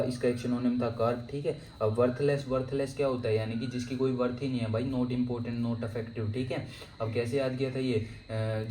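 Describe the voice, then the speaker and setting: A man's voice: medium pitch, dark tone, reverberant, a little hiss or hum, low-quality recording. Chatty man teaching vocabulary tricks. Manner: chatty, repeats "theek hai" often, jokey memory tricks. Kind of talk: casual exam-prep lesson.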